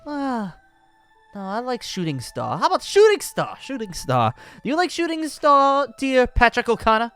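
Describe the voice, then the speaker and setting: A man does a smooth, slightly bright character voice at an extremely high pitch with huge swings, moving at a moderate pace as a boastful, jovial ancient dragon slayer wizard. It's improvised Minecraft roleplay, playful and theatrical, grandly formal and punctuated by chuckles. Music plays under the voice.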